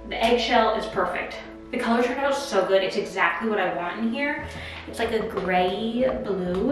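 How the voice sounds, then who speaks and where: A young adult woman vlogging casually to camera, chatty and expressive, her voice echoing around a small, empty tiled bathroom. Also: mid-range voice. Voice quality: echoing, reverberant sound. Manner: chatty, expressive, filler-heavy with "like". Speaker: home renovation vlogger. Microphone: camera a few feet away. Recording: very echoey empty room, distant mic.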